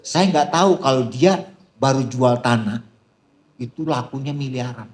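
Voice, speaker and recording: A male pastor with a medium-pitched voice preaches unhurriedly, telling humorous stories with a certain flavor and laughing often. He calls out to the congregation as "saudara," growing animated, his voice rising when he gets excited during the sermon.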